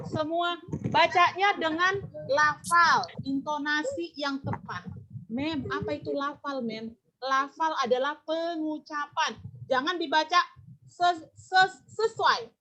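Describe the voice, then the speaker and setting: A woman teaching a class, explaining slowly and repeating points while asking pupils questions. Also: high-pitched, fairly bright tone.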